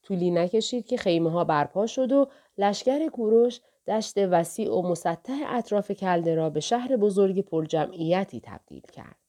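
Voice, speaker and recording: A woman narrating an audiobook of a historical novel in a steady, measured reading. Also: mid-range voice.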